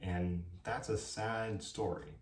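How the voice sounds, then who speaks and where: A man's voice: lowish voice, steady tone, slow, echoey room, distant mic, slight background noise. A young man who is a college student giving emphatic, preachy advice in a casual vlog, often asking "right?". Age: young adult. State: dry throat.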